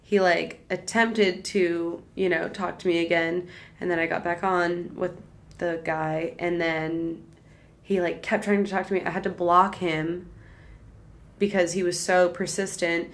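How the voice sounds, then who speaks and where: A woman's voice: on the low side, level tone. A young woman co-hosting a podcast, telling personal stories in casual chat with many "like"s. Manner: slow, drawn-out storytelling, lots of "like".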